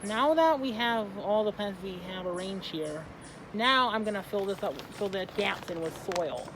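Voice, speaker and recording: An eighteen-year-old from Michigan hosting a casual how-to vlog, often halting and correcting themselves mid-sentence. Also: medium pitch, lively intonation, noisy background. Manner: halting, self-correcting, trailing off. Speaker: plant arrangement seller and video host.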